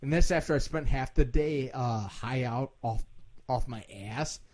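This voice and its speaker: A man's voice: mid-range voice, a little slow, darkish tone, dry recording. A drunk man with hiccups hosting a casual podcast, rambling crudely and swearing heavily. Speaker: podcast host. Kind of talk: casual profane podcast chat.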